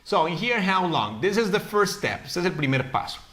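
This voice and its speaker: A man teaching an online English grammar lesson, who asks the viewers questions, answers them himself and says the English examples slowly. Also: sits high. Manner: lively, swings between Spanish explanations and slow, drawn-out English examples.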